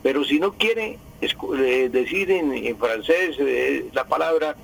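A man's voice: medium pitch, expressive, unhurried, vocal fry, poor audio. Guy on the radio explaining word usage, repeats himself a lot, faint background noise. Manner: didactic, repeats key words, corrects himself. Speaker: language expert guest. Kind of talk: radio language advice.

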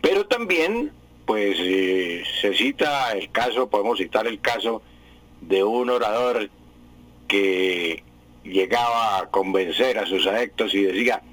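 A man's voice: on the low side, expressive, takes it slowly, a bit bright, no echo, low-quality recording. A man explaining word spelling and meaning to radio listeners in a patient, explanatory way with many fillers. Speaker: language expert answering listeners.

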